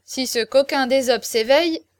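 A woman's voice: high voice, moderate pace, no room sound, close to an everyday voice. A woman reading as a drunk, insistent young nobleman. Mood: tipsy, insistent.

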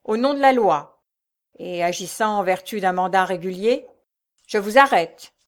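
A woman voicing a stern male gendarme sergeant who gives loud, curt orders. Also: medium pitch, animated, a little slow, lightly acted. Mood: commanding.

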